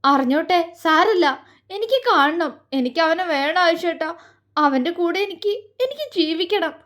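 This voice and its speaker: A woman's voice: sits high, lively intonation, measured pace. A woman voicing a sobbing, pleading young woman. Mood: tearful pleading. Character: tearful young woman desperate for her love.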